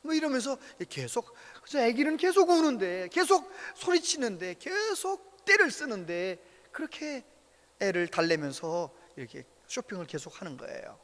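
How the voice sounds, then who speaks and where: A man preaching a sermon as pastor, telling stories with animated, acted-out voices. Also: very high-pitched, normal speed. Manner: animated storytelling, acts out quoted voices. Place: church sanctuary. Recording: reverberant church hall.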